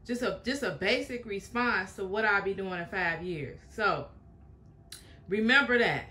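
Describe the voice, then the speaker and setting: A young woman with a medium-pitched, sharp-toned voice speaks a little slowly while hosting a reaction video. She chats frankly with her viewers, offering opinionated, casual commentary.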